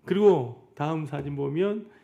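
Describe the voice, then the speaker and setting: Gravelly-voiced male pastor preaching. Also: fairly high pitch, unhurried, mellow, highs cut off. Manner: storytelling, addresses congregation directly, acts out quoted dialogue. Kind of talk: sermon. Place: church sanctuary.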